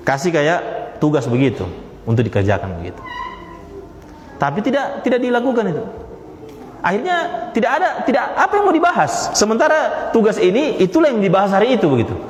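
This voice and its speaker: A man teaching a religious study class to listeners in the room, lively and repeating his key phrases. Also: sits high, a little fast, long pauses, reverberant, big-room sound, a little hiss or hum. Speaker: Islamic teacher. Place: study gathering with listeners present.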